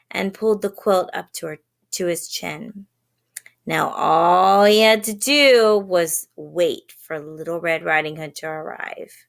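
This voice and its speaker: Slow, gravelly woman reading a children's story. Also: on the low side, a bit bright.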